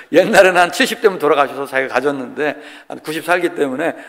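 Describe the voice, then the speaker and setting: A man's voice: on the high side, creaky, fairly bright tone. A man in his sixties, a pastor from the Chungcheong region, preaching a sermon in a folksy, joking way and putting questions to the congregation. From Korea, Chungcheong region. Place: church sanctuary. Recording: long church hall reverb.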